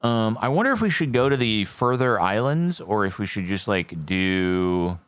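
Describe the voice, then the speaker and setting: Male gaming streamer, casual and expressive pitch, muses aloud, very dry recording. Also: moderate pace, clear, resonant tone, dry recording. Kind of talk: casual game commentary.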